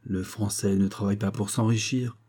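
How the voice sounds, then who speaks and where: A man playing a haughty, hot-tempered American billionaire in a storybook reading, in a gruff and scornful manner. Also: lowish voice, fairly even intonation, close to an everyday voice. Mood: gruff dismissive. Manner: gruff, scornful, quick to shout.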